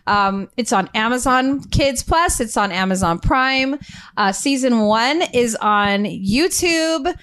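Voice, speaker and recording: Animated woman host, a bit high, chatty family podcast storytelling. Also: takes it slowly, smooth. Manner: animated storyteller, laughs often. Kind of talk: casual family chat.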